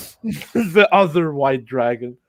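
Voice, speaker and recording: A man's voice: on the high side, animated, takes it slowly, a bit bright, no room sound. Laughing, mocking man on a podcast. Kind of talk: casual comedic podcast banter.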